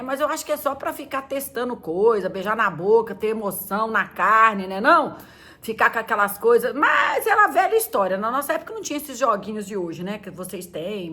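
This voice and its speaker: Chatty woman pastor with a lively voice. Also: moderate pace. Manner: chatty and playful, acting out quotes in high squeaky voices. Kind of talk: casual talk to teenagers.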